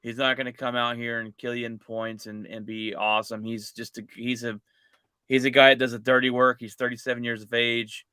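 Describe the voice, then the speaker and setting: Bright, crisp-voiced male podcast host. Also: mid-range voice, level tone, fairly quick, no room sound, studio quality. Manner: conversational, often restarts phrases. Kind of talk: casual sports chat.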